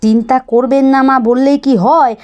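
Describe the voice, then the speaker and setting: A woman's voice: high voice, fairly even intonation, brisk, a little mellow, dull audio, lightly acted. A woman voicing a bossy, grumbling grandmother and mother-in-law in a doll cartoon, scolding and nagging.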